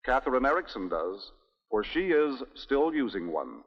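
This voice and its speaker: A man's voice: mid-range voice, big pitch swings, moderate pace, husky. An American man narrating a scripted 1960s newsreel in the presentational manner of an old newsreel narrator, with rhetorical asides. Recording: dull 1960s newsreel soundtrack, reverberant.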